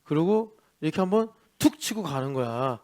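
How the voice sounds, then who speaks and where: Animated Korean preacher, fairly high voice. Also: male voice, normal speed. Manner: animated preaching, mimics the devil and sulking people. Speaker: pastor. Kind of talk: sermon. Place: church worship service.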